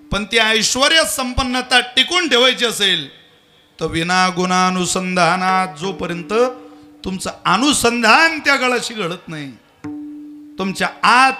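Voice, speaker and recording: A man preaching a devotional kirtan sermon, telling humorous stories and quoting scripture. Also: extremely high pitch. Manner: animated, humorous, quotes scripture.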